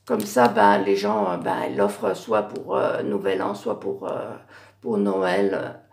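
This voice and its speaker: A middle-aged woman showing her handmade Christmas cards in a casual craft vlog, hesitant with many fillers and self-corrections, her voice going hoarse. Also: rumbling low, very animated, slow, a little mellow. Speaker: craft YouTuber.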